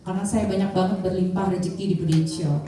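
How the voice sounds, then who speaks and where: A woman of about fifty gives a motivational sharing talk to an audience, chatty and full of fillers, now and then questioning the crowd. Her voice is mellow and dark. She is picked up from far off in a strongly echoing hall with faint background ambience. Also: on the low side, steady tone, fast, slight background noise. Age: 50s. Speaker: insurance agent giving a sharing talk. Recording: distant mic, heavy room echo.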